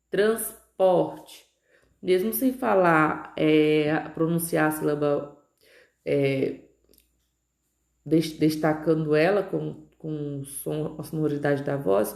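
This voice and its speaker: A Brazilian Portuguese woman teaching a recorded grammar lesson, drawing out example words slowly and often checking in with her students. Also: lowish voice, vocal fry, darkish tone. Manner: slow, stretched-out pronunciation of example words, frequent "tá?" checks. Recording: echoey room.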